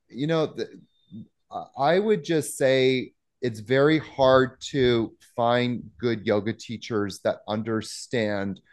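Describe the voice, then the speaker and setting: Middle-aged guy yoga teacher talking casual, blunt and emphatic, lots of um and you know. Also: fairly low pitch. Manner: emphatic, outspoken, many fillers. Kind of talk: casual interview talk.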